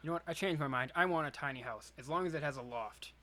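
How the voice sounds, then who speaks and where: A young man co-hosting a podcast in casual chat, giving dry, low-key replies. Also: quick pace, bright, forceful tone. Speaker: podcast co-host.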